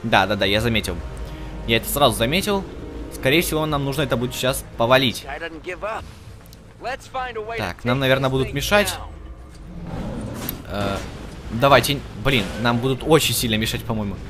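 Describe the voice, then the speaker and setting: This video game let's-play host has an expressive, medium-pitched voice at a moderate pace, broken by long pauses. He chats casually, thinking out loud and speaking to the characters on screen, with game music behind him.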